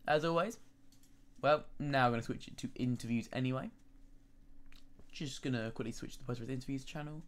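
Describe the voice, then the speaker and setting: A man's voice: medium pitch, brisk, long pauses, slight background noise. A man with a northern English accent commentating a sim-racing event and interviewing drivers, chatty, with fillers and self-corrections. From northern England. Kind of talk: live esports race commentary.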